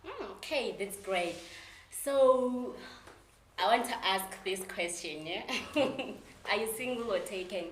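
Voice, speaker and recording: A woman's voice: mid-range voice, lively intonation, slow. A young woman with a South African accent, asking questions as the host of a casual interview show. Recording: echoey room with faint background noise.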